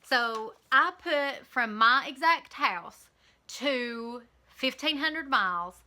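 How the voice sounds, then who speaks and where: A woman's voice: high-pitched, lively intonation, takes it slowly, pushed and bright. A woman with an Eastern Kentucky accent talking casually and candidly to camera in a vlog, with frequent ums and likes. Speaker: vlogger.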